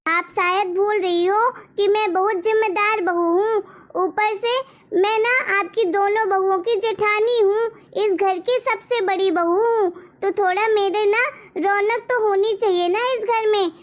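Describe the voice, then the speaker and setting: A woman's voice: very high voice, fairly even intonation, measured pace, dull audio. A woman voicing a quarrelsome, hot-tempered eldest daughter-in-law in a cartoon story. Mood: angry. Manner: angry, threatening, self-pitying.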